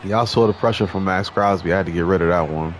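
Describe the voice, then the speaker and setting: A young man giving relaxed, conversational play-by-play commentary over a football video game. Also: sits low, quick pace, a little hiss or hum. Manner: relaxed, conversational, mild restarts. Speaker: gaming commentator.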